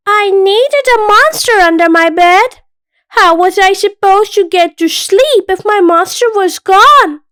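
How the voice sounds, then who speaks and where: A woman reading a children's storybook aloud with expressive, playful narration. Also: very high voice, no room sound.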